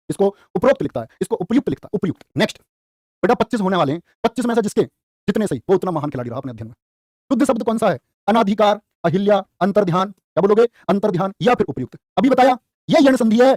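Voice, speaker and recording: A man teaching spelling in a lively live class, asking questions and quoting couplets. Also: sits high, no echo, clean studio sound. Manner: calls students "प्यारे बच्चे". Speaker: Hindi teacher for exam prep. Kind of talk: live online exam-prep class.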